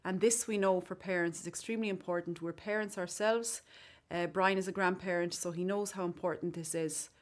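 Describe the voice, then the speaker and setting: A woman's voice: on the low side, fairly even intonation, fairly quick. A woman, an academy director, speaking proudly and enthusiastically in a promotional interview.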